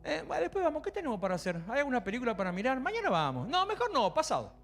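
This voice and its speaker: A Rioplatense pastor playing a casual, unhurried Jesus who keeps putting things off, in an offhand voice. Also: male voice, very high-pitched, wildly swooping pitch, fairly bright tone, faint music behind, pitched above the performer's own voice, exaggerated voice. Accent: Rioplatense Spanish. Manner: offhand, breezy.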